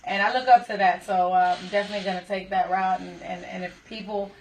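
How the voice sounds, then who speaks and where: A woman's voice: mid-range voice, fairly even intonation, fast talker, darkish tone, slight background noise, poor audio. A woman, a singer guesting on a radio show, speaking earnestly and upbeat. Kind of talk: casual radio interview.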